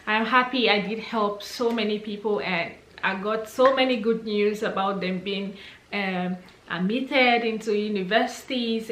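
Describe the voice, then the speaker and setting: A young woman from the English-speaking region of Cameroon answers viewer questions in a casual, encouraging chat, thinking aloud as she goes. Her voice is medium in pitch and fairly bright, in an echoey room with faint noise.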